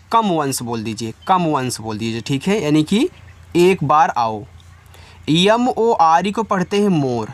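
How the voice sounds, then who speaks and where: Male beginner-class teacher, higher pitched, patient and repetitive, spells words aloud. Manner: addresses viewers as students; reads English examples slowly and carefully. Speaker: English teacher. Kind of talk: spelling-and-meaning lesson for beginners.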